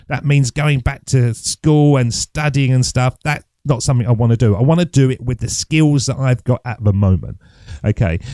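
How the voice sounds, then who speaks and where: A chatty man talks through his podcast in a rambling, easygoing way, thinking aloud as he goes. He speaks right into a close microphone in a dry, dead room, his voice at an ordinary middle pitch. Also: mellow, dry recording. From England. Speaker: podcast host. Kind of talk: casual solo podcast teaching. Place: at home desk. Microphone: close studio mic.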